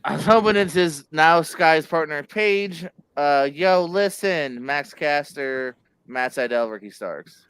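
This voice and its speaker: A man's voice: a little high, expressive, takes it slowly, fairly bright tone, clean tone, low-quality recording. A man competing in a trivia match, joking around and upbeat about his answers. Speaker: trivia contestant. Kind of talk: casual chat.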